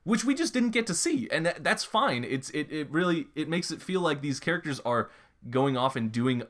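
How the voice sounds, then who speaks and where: A young man co-hosting a podcast rambles through a casual chat, full of restarts and filler words. His voice is on the high side and fairly bright, animated, at normal speed.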